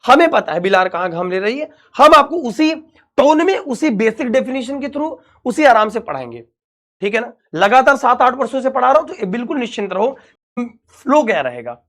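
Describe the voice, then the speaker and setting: A man's voice: very high-pitched, big pitch swings, fairly quick, a bit bright. A young man, teaching an online physics class in a chatty, reassuring way and calling the students his dear children.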